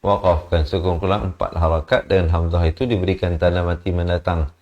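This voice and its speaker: A man with a Malaysian Malay accent and a low, fairly quick voice with little pitch movement teaches the rules of Quran recitation, heard through dull audio. He chants short phrases, then shifts into quiet spoken explanation, patiently correcting mistakes syllable by syllable.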